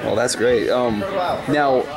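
Chatty interviewer over loud gym crowd. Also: medium pitch, slow pace. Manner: chatty, encouraging. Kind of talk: casual on-camera interview. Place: large indoor cheer gym. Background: loud crowd noise.

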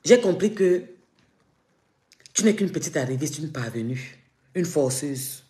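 A woman's voice: deep voice, expressive, unhurried, mellow, reverberant. A woman with a Cameroonian French accent, ranting on a live stream in a taunting, mocking, threatening way. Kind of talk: confrontational live-stream rant.

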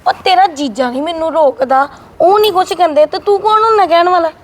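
A woman playing a feisty married elder sister, her voice pitched high and sharp as she scolds and defies her younger brother. She talks back hard, complaining and taunting in a family short-film scene. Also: quick pace. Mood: defiant.

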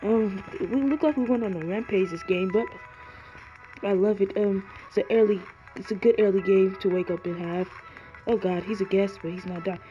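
A man's voice: high voice, steady tone, normal speed. A man giving earnest, rambling gameplay commentary from a cold garage, shivering and full of ums and likes. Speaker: gaming YouTuber. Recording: dull lo-fi audio with loud music.

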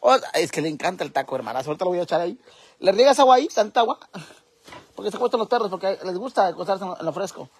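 A man's voice: sits high, animated, rapid-fire, slightly rough. A man with a Mexican accent vlogging casually at home, campy and theatrical, cooing at his pets and swearing freely. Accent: Mexican Spanish. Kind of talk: casual home vlog chat. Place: home with pets and fish tanks.

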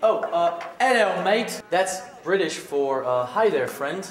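A man's voice: on the high side, unhurried, lightly acted. A man playing an awkward young wizard-fan club member, putting on a wobbly fake British accent and talking hesitantly with lots of fillers. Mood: eager. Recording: echoey room, mic far off. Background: background music.

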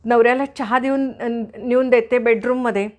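A woman's voice: a little high, fairly even intonation, normal speed, darkish tone. A woman giving family advice in casual storytelling, now and then acting out the voices of the people in it. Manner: retells a scene, briefly acting out voices.

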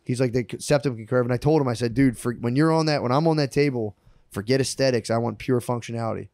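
Male podcast co-host, thirties, casual comic storyteller, mid-pitched, dry sound. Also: fast talker, a little mellow, no echo. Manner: loose, profane storytelling. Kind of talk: casual comedic banter.

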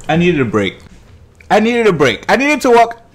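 This man in his thirties has a high-sitting voice with huge swings in pitch, delivered at a moderate pace. He's a food vlogger tasting desserts in his living room, chatting and savoring each bite with exuberant delight.

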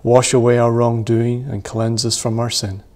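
Solemn man reading liturgy, gravelly edge. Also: medium pitch, little pitch movement, darkish tone. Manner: measured, solemn reading aloud. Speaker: priest leading worship. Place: small church room by a window.

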